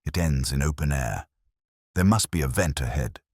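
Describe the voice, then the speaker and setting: A male reader voices a grave, commanding Victorian detective in an audio mystery, his voice extremely low and exaggerated. The studio-quality recording is close and free of room sound, and his terse, deliberate delivery carries calm precision with an urgent, precise mood.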